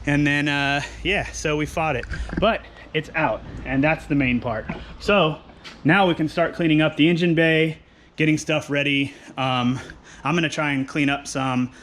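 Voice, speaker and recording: A man casually talking through his car project in a relaxed, rambling way, outdoors at home. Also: a little high, moderate pace, slight background noise. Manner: relaxed, rambling, filler-heavy. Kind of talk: casual talk-through while wrenching.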